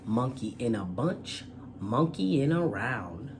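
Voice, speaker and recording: A man's voice: medium pitch, very animated, slow, noisy background. A man presenting and reading aloud as host of a children's storytime, with a courteous manner. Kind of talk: storytime read-aloud and channel chat.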